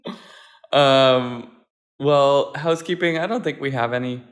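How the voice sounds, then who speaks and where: A man's voice: medium pitch, unhurried. A man co-hosting a podcast in casual chat, with playful, teasing banter. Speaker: podcast co-host.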